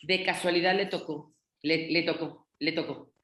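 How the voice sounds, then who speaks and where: A woman with a Mexico City accent talks in a fairly low voice, explaining things patiently as a guest linguist. Her voice rings out in an echoey room. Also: steady tone, moderate pace, fairly bright tone. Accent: Mexico City Spanish. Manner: explanatory, lecturing at length. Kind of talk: casual panel discussion.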